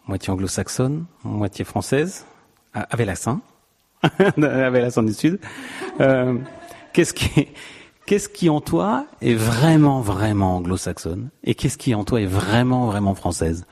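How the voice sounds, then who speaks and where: A man's voice: fairly low pitch, animated, measured pace, a little mellow, husky. A man interviewing a musician, asking questions in a friendly, familiar way.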